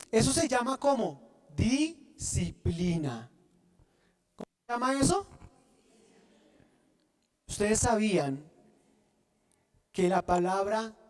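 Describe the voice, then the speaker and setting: A man preaching a sermon, often pausing to have the congregation fill in the word, and restarting phrases as he goes. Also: high-pitched, darkish tone. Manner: asks the congregation to fill in words. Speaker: pastor.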